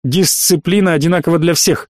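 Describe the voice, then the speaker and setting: A man's voice: fairly high pitch, fairly even intonation, fairly quick, no echo, clean studio sound, lightly acted. A man voicing an authoritative academy rector who lectures in a formal manner, in an audiobook.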